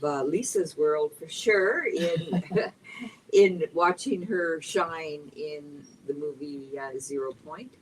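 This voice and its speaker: A woman from Costa Rica chatting as a guest at a roundtable, upbeat and rambling with many pauses. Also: fairly low pitch, far from the mic, slight background noise, poor audio. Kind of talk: casual roundtable chat. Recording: voice a bit off-mic.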